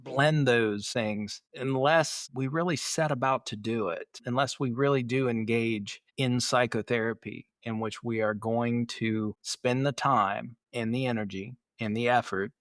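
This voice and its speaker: Guy on a podcast explaining stuff slow and careful, lots of ums, dry close sound. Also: medium pitch, fairly bright tone, no room sound. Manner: measured, explanatory, with filler words. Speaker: podcast co-host, therapist. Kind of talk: casual podcast discussion.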